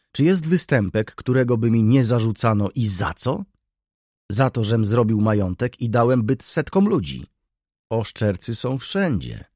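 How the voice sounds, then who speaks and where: Bitter middle-aged merchant, read by a man, husky, lively indignant outbursts, low voice. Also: dry recording, studio quality.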